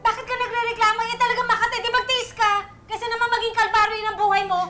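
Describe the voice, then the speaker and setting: A woman's voice: very high-pitched, flat delivery, quick pace, pushed and bright, reverberant. An actress playing a middle-aged mother in a TV drama, nagging and kvetching as she scolds her children. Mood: kvetching, exasperated. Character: nagging, complaining mother of a poor family. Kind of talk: naturalistic TV drama acting.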